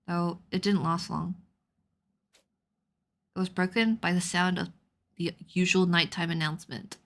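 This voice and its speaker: An excitable, theatrical woman doing let's play commentary and reading game dialogue aloud. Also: fairly low pitch, a little slow, creaky. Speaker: game streamer. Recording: game music behind. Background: video game music.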